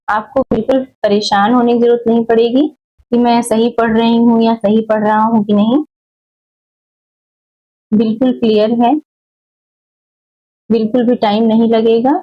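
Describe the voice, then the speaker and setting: In a fairly high-pitched voice with lo-fi sound, a woman explains Hindi grammar to her class. She checks in often with "theek hai," repeats points, and elongates vowel sounds to demonstrate them.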